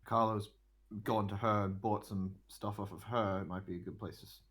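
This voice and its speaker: Man, low voice, game master, tabletop game, teasing banter. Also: steady tone, normal speed, fairly bright tone.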